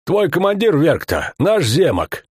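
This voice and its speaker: A man voicing a boastful, blustering male bounty hunter with rough folksy speech. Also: fairly high pitch, wildly swooping pitch, unhurried, dry recording, studio quality, voice pushed up, full character voice. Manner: loud, rough, swaggering.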